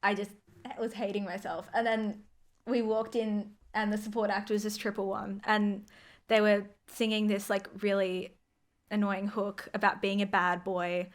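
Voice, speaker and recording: A woman's voice: medium pitch, little pitch movement, a little slow. A young woman co-hosts a casual podcast. She tells stories in a loose, rambling way, packed with fillers and offhand swearing. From Australia. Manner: chatty storytelling with lots of fillers and swearing. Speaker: podcast co-host. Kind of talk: casual chat.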